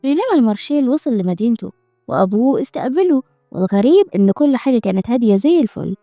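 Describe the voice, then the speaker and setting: A woman with an Egyptian Arabic accent narrating a drama recap in a brisk, colloquial storytelling manner. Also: fairly high pitch, animated, dark tone, no room sound, clean studio sound, faint music behind.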